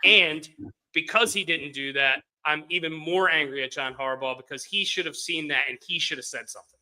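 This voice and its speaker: A man co-hosting a sports podcast, ranting in exasperation and swearing, his voice jumping high when he gets angry. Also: moderate pace, bright, forceful tone, low-quality recording. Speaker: podcast co-host. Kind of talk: casual sports rant.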